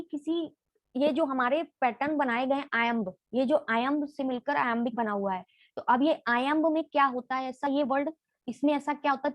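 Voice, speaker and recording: High-voiced woman teaching with repeated questions. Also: no echo, low-quality recording. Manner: repeats each point as a question and then answers it. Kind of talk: exam-prep lesson in Hindi mixed with English.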